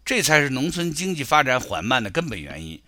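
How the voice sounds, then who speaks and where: Lively, bright-voiced man giving commentary. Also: mid-range voice, fairly quick, dry recording, clean studio sound. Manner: critical, argumentative, storytelling. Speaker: political commentator. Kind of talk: spoken political commentary.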